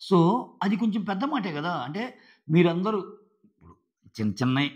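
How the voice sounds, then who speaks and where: A man with a fairly high voice gives an emphatic episode review. He argues his points and keeps throwing rhetorical questions at the listener. The audio is dull and muffled. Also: big pitch swings, normal speed. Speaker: reality show reviewer.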